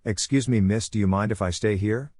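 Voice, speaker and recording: A man's voice: lowish voice, a little fast, a little mellow, no echo, lightly acted. A man voicing a pleading, whiny young boy in a read-aloud story, close to his own voice. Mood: polite.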